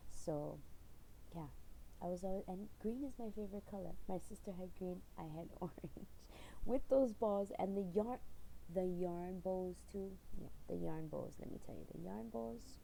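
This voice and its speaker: A woman's voice: on the low side, gravelly, dark tone, slight background noise, poor audio. A middle-aged woman from Hawaii, chatting casually in her own vlog and telling stories with lots of fillers. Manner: rambling storyteller with frequent fillers and laughs. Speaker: channel owner.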